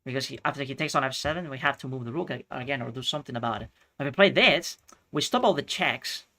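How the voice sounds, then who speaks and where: A man from Chile streaming chess, thinking out loud through his moves and chatting with viewers. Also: mid-range voice, fast. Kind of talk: live-stream commentary.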